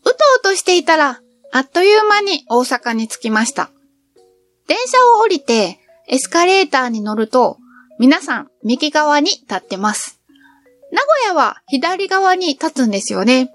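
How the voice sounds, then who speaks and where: A middle-aged travel vlogger narrates her train trip in scripted, cheerful, chatty storytelling. Her voice sits high and is very animated yet unhurried, with faint music behind it.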